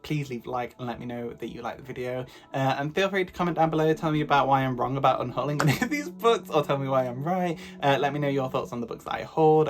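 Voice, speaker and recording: A young man with a slightly raspy, fairly high voice talks to camera in a chatty, rambling, self-deprecating way. Soft music plays faintly behind him. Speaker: book vlogger. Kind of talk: casual chat to camera.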